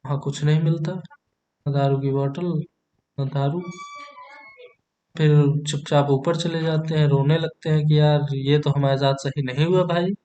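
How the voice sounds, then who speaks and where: A man's voice: a little high, warm tone, lo-fi sound. Joking young man narrating gameplay. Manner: joking storyteller, crude banter with teammates. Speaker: gaming YouTuber. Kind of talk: comedic gameplay commentary.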